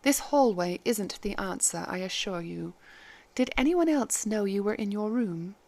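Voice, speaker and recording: A woman reading the part of a calm, kindly head maid who speaks gently and formally. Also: mid-range voice, a little slow, vocal fry. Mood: gentle.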